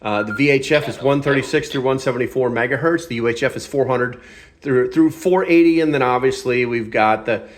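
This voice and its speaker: A man hosts a gear review channel, presenting a casual hands-on product review with a medium-pitched voice. He talks fairly quickly in a loose, off-the-cuff style, often poking fun at himself.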